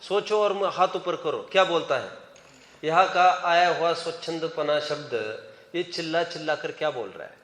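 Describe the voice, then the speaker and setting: In a hall with noticeable echo, a man runs a scripture class, asking students questions by name and encouraging raised hands. His voice is a little high and fairly bright, at a moderate pace.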